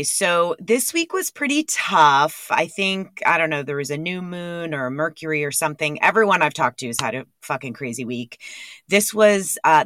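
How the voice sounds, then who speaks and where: A woman's voice: low-pitched, fairly bright tone, no echo, clean studio sound. A woman hosting a podcast, talking candidly and rambling with casual swearing. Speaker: podcast host. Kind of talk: candid monologue.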